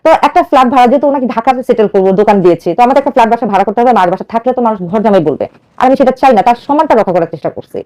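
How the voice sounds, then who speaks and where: A woman's voice: fairly high pitch, lively intonation, very fast, a little mellow. A woman in her thirties from Bangladesh telling a radio host her own life story in an earnest, urgent way, acting out the quoted dialogue as she goes. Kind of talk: emotional personal storytelling.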